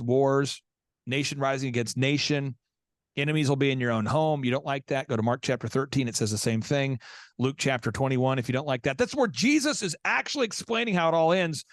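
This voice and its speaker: Brief: lively male guest storyteller, high voice, acts out quotes, dry studio sound. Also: no room sound. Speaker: guest speaker and event organizer. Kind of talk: casual podcast conversation.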